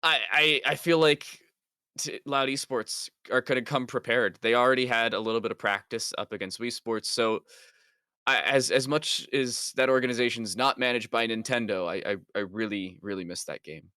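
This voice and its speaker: A man's voice: medium pitch, normal speed, pushed and bright, smooth, dry recording. A man casting a live esports match with dry sarcastic humor, often stammering as he restarts. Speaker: esports caster.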